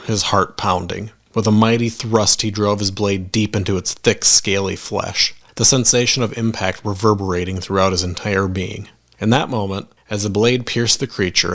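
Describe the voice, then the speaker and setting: Gravelly low-voiced man narrating horror. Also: a bit bright. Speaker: podcast narrator.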